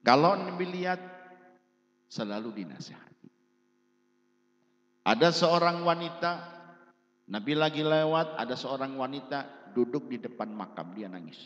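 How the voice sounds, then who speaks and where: A man preaching a sermon and telling stories dramatically, swinging between loud bursts and soft asides. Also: medium pitch, animated, unhurried, long pauses. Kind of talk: sermon storytelling. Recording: dull echoey hall sound.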